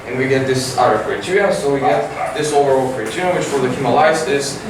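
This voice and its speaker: A teenage boy giving a science competition report with many fillers and halting phrasing. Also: mid-range voice. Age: teens. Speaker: student presenter. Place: large classroom with projector. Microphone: far camera. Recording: echoey room from far off, noisy.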